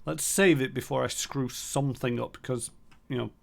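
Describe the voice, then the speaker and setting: A man's voice: medium pitch, steady tone, moderate pace, creaky, slight background noise. A man streaming a video game, chatting casually and thinking aloud with lots of fillers. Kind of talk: casual gameplay commentary.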